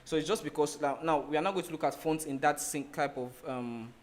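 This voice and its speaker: A man's voice: on the high side, a little fast. A man teaching a design lesson over a screen share. He explains in a loose, rambling way, restarting sentences and leaning on "like" as he thinks. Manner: rambling, with many restarts and "like" fillers. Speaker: design instructor.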